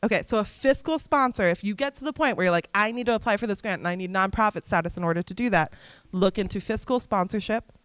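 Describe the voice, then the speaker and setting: A young woman leading a theater festival workshop in a casual, chatty way, full of fillers and quick asides. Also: mid-range voice, a bit bright, clear, resonant tone, dry recording. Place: workshop room.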